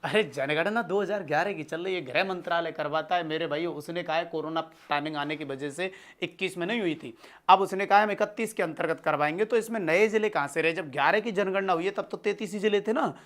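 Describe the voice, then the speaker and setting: A man's voice: fairly high pitch, fast, a bit bright. Call-and-response male teacher. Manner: call-and-response, answers own questions; calls viewers brothers and son, reads comments. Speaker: online exam-prep teacher. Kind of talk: live online class teaching.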